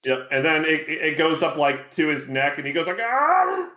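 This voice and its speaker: A man's voice: a little high, little pitch movement, fairly quick, sharp tone. A young man acting as game master, casually narrating a tabletop game with many fillers and restarts. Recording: echoey room.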